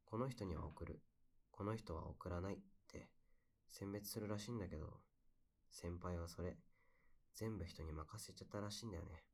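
A low-pitched young man, played by a male voice actor, shares memories in a bedside audio drama. He is wistful and soft-spoken, telling his story intimately, as if to one close listener. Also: moderate pace, gravelly. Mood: wistful, tender.

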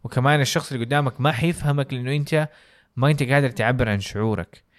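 Fast-talking man teaching English. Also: medium pitch, no room sound, clean studio sound. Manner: explains with many examples, acts out English phrases with exaggerated intonation. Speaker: podcast co-host teaching English. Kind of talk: casual explanatory lesson chat.

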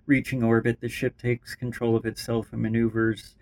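A man reading his own rough story draft aloud, unrehearsed, with small slips and restarts. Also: medium pitch, monotone, moderate pace, a little mellow. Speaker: writer and narrator.

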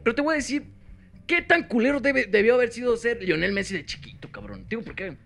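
High, lively Mexican man joking. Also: quick pace, creaky. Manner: crude, joking, laughs often. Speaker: podcast co-host. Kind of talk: casual comedy podcast banter.

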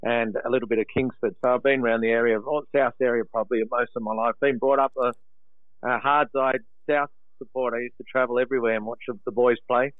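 A man's voice: mid-range voice, fairly even intonation, quick pace, no echo. An Australian man talking in a plain, colloquial, matey way as a guest in a casual interview over the phone. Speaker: guest, sprint coach. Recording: tinny phone line.

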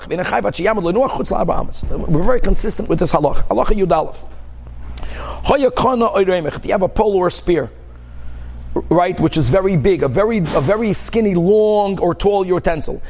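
Man, rabbi, high voice, informal text lesson, reads then explains, repeats for emphasis, rhetorical questions. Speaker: rabbi teaching a class. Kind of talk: religious text lesson, reading aloud and explaining.

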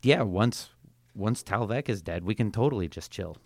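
Pemain pria bersuara serak rendah. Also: male voice, on the low side, expressive, moderate pace, no echo, studio quality. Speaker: player. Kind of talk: casual tabletop role-play.

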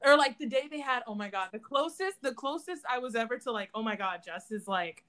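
Animated young woman telling stories. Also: fairly high pitch, a little fast, a crowd in the background. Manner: animated, laughing, acts out voices in her stories. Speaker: podcast co-host. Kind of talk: casual storytelling chat.

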